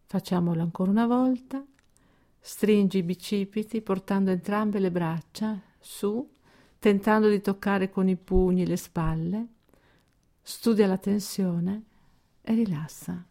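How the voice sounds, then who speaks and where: A woman guides a progressive muscle relaxation exercise as a scripted narration, giving calm, measured instructions with deliberate pauses. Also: medium pitch.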